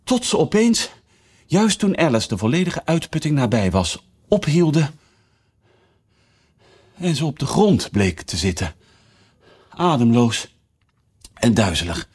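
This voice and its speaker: A man reading a children's storybook aloud, narrating in an expressive way. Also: mid-range voice, a little slow, long pauses, breathy edge.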